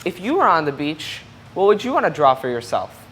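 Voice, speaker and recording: With a medium-pitched voice and a brisk pace, a storybook reader shares a children's picture book, explaining expressively and turning to young listeners with questions and side comments. Some noise can be heard behind the voice.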